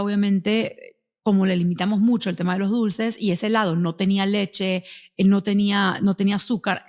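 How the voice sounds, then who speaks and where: A woman hosting a casual interview, telling stories in an animated way. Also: medium pitch. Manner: animated storyteller. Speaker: host.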